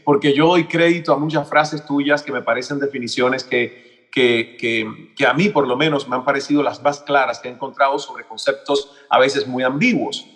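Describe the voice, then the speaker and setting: A man's voice: medium pitch, fairly even intonation, moderate pace, fairly bright tone. A man hosting an interview, speaking conversationally and giving appreciative replies. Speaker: host. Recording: long hall reverb with faint music.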